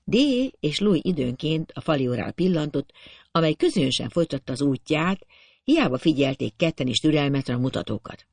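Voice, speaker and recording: Gravelly male audiobook narrator. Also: on the high side, dry recording. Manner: steady storytelling. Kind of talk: scripted narration.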